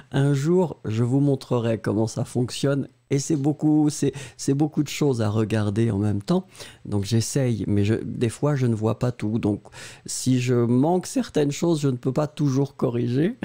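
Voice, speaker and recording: Man, french teacher, live-stream lesson, slow deliberate speech, warm dark tone, spells words letter by letter. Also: mid-range voice. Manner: patient, spells words letter by letter, answers viewers by name.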